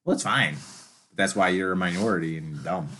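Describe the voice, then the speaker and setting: A man's voice: low voice, fairly quick, sharp tone. A man in casual podcast banter, blunt and full of needling questions, recorded through a laptop's built-in microphone. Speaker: podcast co-host. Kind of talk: casual unscripted podcast chat. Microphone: built-in laptop microphone, no studio gear.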